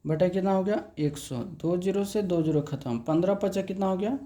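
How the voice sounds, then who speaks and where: A man's voice: sits high, mellow. A man teaching an exam-prep maths lesson, repeating each word as he writes it out and asking the class short check questions. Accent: Hindi. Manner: slow, repeats words while writing on a board; asks students rhetorical check questions.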